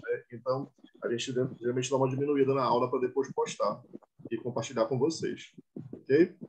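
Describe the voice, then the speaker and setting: A man with a Brazilian Portuguese accent teaching an online class, often repeating himself and checking that students follow. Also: mid-range voice. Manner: repetitive, asks students for confirmation often.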